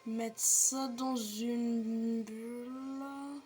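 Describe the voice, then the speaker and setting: High-voiced woman chatting through gameplay. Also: steady tone, extremely slow, mellow, faint music behind. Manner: chatty, swears lightly, explains steps to viewers. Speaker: gaming video creator. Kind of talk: casual gameplay walkthrough commentary.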